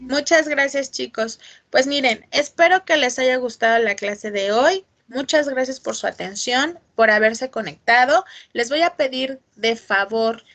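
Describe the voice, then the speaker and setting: A woman teaching an online class, expressive and checking in often with her students. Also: high voice, unhurried. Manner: expressive, asks for checks with "¿sí?" and "ujú".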